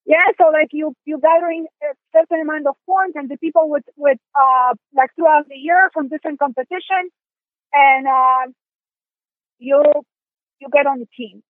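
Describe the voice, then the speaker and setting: A woman from Poland with a Polish accent, speaking as an interview guest in halting sentences full of restarts and fillers. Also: high voice, dry recording. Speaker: guest, dog sport competitor. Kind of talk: interview conversation. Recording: tinny phone line.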